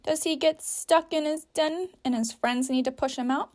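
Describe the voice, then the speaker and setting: A woman with a high, slightly mellow voice speaks at a moderate pace. She is a teacher taking young children through a story activity one step at a time, patiently using simple sentences and guiding questions in an instructional read-aloud.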